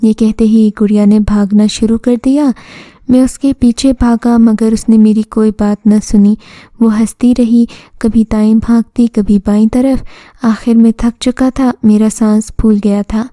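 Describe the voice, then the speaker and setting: A woman narrating a first-person story in a steady, measured reading style. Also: on the high side, no echo.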